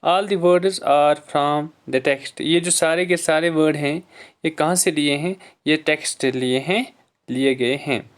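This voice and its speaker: Slow, deliberate man teaching a lesson. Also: a little high. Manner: reads English lines slowly, then explains in Hindi; addresses students as dear children. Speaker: English teacher. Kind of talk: classroom lesson explaining syllables.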